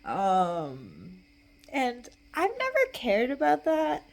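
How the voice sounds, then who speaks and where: A woman's voice: fairly high pitch, wildly swooping pitch, extremely slow, vocal fry. A young adult woman in a casual, rambling solo chat, talking in a loose, tipsy, giggly way and trailing off mid-thought. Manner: tipsy, loose, meandering drunk talk. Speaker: vlogger.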